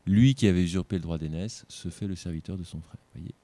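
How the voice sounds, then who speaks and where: Man, tired, informal Bible lesson, joking asides, warm mellow tone, dry close sound. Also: deep voice, brisk, dry recording. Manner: digressive, joking asides while reading scripture. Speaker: Bible teacher.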